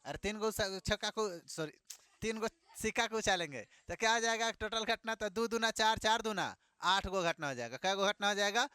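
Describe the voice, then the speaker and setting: A man leads a classroom math lesson in a high, bright voice. He fires questions at the class and repeats every answer back to them. The sound is clean and resonant, with a dry, close feel. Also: lively intonation, moderate pace, clean tone, no room sound. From Bihar, India. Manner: call-and-response questioning, repeats each answer. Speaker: teacher.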